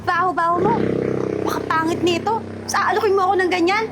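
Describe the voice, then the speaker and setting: A woman's voice: very high-pitched, fairly even intonation, fast. A young actress playing a spoiled rich girl turned beggar, snobbish, whiny and insulting. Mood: haughty. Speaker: actor. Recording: echoey room with loud background noise.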